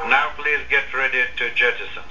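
A man's voice: mid-range voice, fairly even intonation, brisk. A man interpreting spacewalk instructions over a space-to-ground radio link, in clipped procedural phrases with some restarts. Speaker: interpreter on mission radio loop. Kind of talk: consecutive interpreting of spacewalk commands. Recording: muffled distant radio with hiss.

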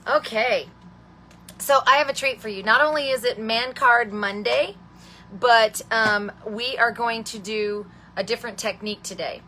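Chatting with viewers of her live stamping tutorial, she greets them by name and calls them honey and sweetheart, rambling along with many ums and restarts. Her voice is a little high and a little slow, with a sharp tone, and there is a bit of hiss or hum.

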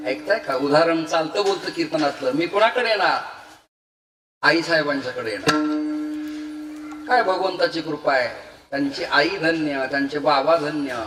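High, bright-voiced preacher in an echoey hall. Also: male voice. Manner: exhorting, humorous, calls out to the audience. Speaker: kirtan preacher. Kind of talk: devotional sermon with storytelling. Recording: echoey hall, distant mic, faint ambience.

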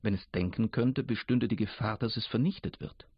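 A man's voice: on the low side, fairly quick, breathy edge, no echo. A man voicing an ancient, wise male river who patiently explains, in a dull lo-fi radio recording. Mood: calm, explaining.

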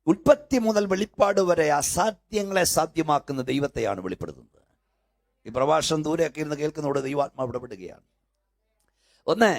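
An older man preaching a sermon as pastor in a church hall, with fervent repeated calls that build up to shouting. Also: a little high.

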